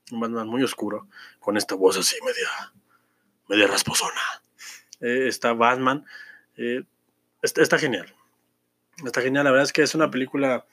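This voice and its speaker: A man's voice: mid-range voice, a bit bright, no echo, studio quality. A man, giving a chatty, enthusiastic film review with many fillers and restarts. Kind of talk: casual film review monologue.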